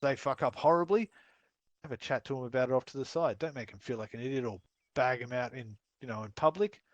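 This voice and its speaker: Aussie male instructor, mid pitch, dry headset sound, sweary and blunt teaching style. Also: quick pace, no room sound, dull audio. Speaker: training instructor. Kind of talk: casual voice-chat instruction.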